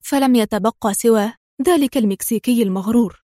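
A woman's voice: a little high, a little fast, warm tone, no room sound, close to an everyday voice. A woman reading the lines of an arrogant, mocking rich man, in a dry, close recording. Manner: mocking and smug.

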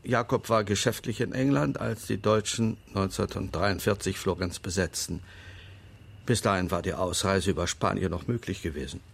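Low and creaky, this older man's voice portrays a frail elderly lawyer in a radio play. His delivery is measured, formal and pointed, with a guarded, sardonic edge.

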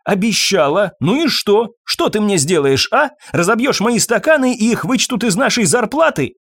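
Мужчина-чтец изображает озлобленную, язвительную женщину средних лет, официантку, которая кричит и пилит мужа. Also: male voice, sing-song, measured pace, dry recording, studio quality, exaggerated voice. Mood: furious. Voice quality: high, sharp and shouting. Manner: scornful, nagging outbursts. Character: shrill, bitter, scolding middle-aged woman waitress.

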